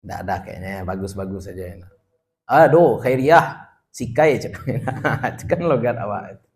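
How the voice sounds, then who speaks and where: A man's voice: fairly low pitch, expressive, a little slow, a little mellow. Man teaching a chatty religious lesson. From Indonesia. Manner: explains text line by line, chatty asides to students. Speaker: Islamic teacher. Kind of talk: religious study lecture.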